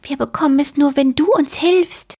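A woman voicing a small male penguin in a storybook, with a squeaky childlike voice and an urgent, pleading manner. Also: moderate pace, darkish tone. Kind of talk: storybook reading.

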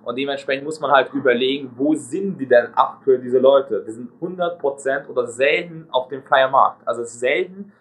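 A man's voice: medium pitch, moderate pace, hardly any pauses. A young man from Hungary with a Hungarian accent, speaking fluent but non-native German as an interview guest, often adding tag words. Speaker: interview guest, agency co-founder. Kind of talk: casual interview talk.

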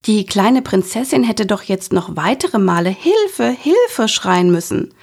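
A woman narrating a children's audiobook in a lively, expressive way. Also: medium pitch, a little slow, vocal fry, husky.

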